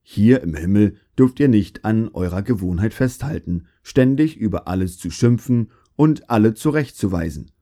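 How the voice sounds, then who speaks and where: A man's voice: lowish voice, animated, normal speed, few pauses, mellow. A man voicing a stern apostle who warns a newcomer at heaven's gate, speaking in a raised, admonishing tone.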